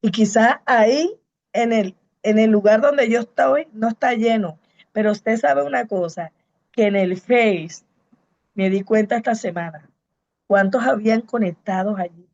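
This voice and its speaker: A woman's voice: on the high side, unhurried, darkish tone, no room sound, dull audio. A woman pastor and evangelist, giving a fervent preaching testimony to a congregation and repeating her key phrases. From Colombia.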